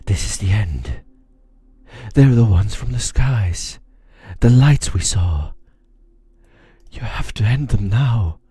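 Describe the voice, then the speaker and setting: A man's voice: lowish voice, big pitch swings, takes it slowly, pauses often, mellow, slightly rough, dry recording, clean studio sound, heavily acted. A man voicing a paranoid advisor who pleads frantically for the knight to shoot the strangers. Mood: frantic pleading. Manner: frantic, pleading, urging violence.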